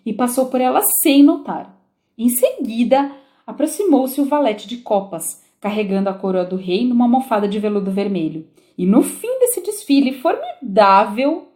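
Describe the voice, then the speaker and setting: A woman reads a children's classic aloud as an audiobook narrator. Her voice sits fairly high and moves with lively, animated intonation, giving each sentence a storyteller's shape. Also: normal speed.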